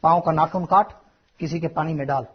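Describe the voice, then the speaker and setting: Husky, high-voiced preacher in full cry. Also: male voice, steady tone, fairly quick. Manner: impassioned, swinging from hushed to shouting; repetitive, rhetorical. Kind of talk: sermon. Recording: dull lo-fi sermon recording.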